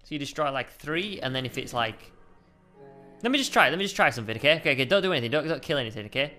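A man giving casual game commentary with a friend, eager and thinking out loud. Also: mid-range voice, animated, racing. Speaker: gamer co-host. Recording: faint music behind.

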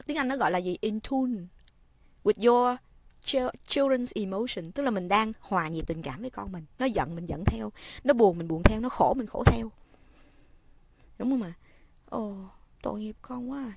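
A woman hosting a casual livestream talk. She turns to her viewers often and speaks gently when she gives advice. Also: fairly high pitch, lively intonation, normal speed. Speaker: livestream host.

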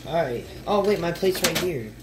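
A teenage boy jokes and mocks himself through a cooking vlog in his home kitchen. His voice is on the high side with lively intonation and a moderate pace. A phone camera on the counter picks up a noisy, clattering kitchen.

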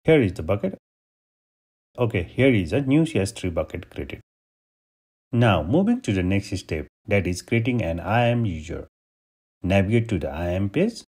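Husky low-voiced man from Nepal. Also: moderate pace, pauses often. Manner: steady step-by-step instructions. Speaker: tutorial host. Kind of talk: screen-recorded software tutorial.

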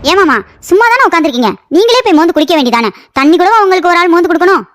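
A woman voicing a young, sharp-tongued, scheming daughter-in-law in a cartoon story, scolding and complaining. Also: very high-pitched, expressive, rapid-fire, no room sound, clean studio sound.

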